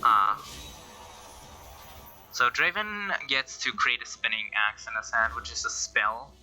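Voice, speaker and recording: A man's voice: medium pitch, sing-song, measured pace, sharp tone, faint music behind. A man giving casual game commentary, thinking aloud in a hesitant way. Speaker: gameplay commentator.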